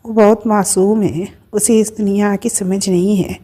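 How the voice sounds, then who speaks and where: A woman voicing a gravely ill mother in an audio story, speaking softly and pleading through tears. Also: mid-range voice, fairly even intonation, a little slow, natural voice. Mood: tearful. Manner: soft, tearful pleading.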